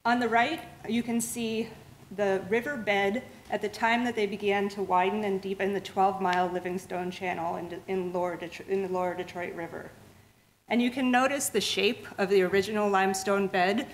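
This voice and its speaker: In a rough recording with a little hiss or hum, a woman's mid-range voice moves at a moderate pace through a public science lecture in a lecture room. A museum lecturer, she explains steadily yet restarts words often and uses fillers.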